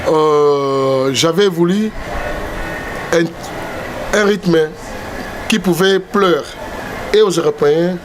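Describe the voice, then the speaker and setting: A Congolese man with a Congolese French accent, a singer telling his story in a TV interview with unhurried pauses and hesitations. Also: fairly high pitch. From Democratic Republic of the Congo. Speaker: guest singer. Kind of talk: interview answers. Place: TV studio. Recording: noisy background hum.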